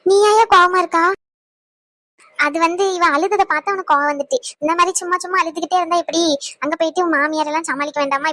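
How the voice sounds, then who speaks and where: A woman's voice: high voice, a bit bright, no echo. A woman voicing a caring, fussy mother in a cartoon who consoles her crying daughter. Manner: fussing, consoling. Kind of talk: cartoon voice acting.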